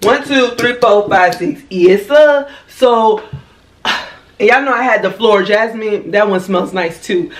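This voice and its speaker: Haitian-accented woman, casual review vlogger, animated and slangy, mid-range pitch. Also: slow. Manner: animated and slangy, with a lot of "you know what I mean". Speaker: beauty vlogger.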